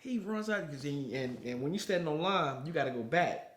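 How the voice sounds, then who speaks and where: Man, interview guest, animated storytelling, frequent laughter, forceful tone, roomy echo. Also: a little high, a little fast. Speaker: interview guest, former Marine. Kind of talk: casual storytelling.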